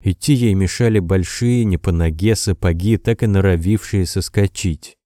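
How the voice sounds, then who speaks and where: A man reading a war audiobook as its narrator in steady scripted narration. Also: deep voice, normal speed, no echo, studio quality. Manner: steady, even storytelling.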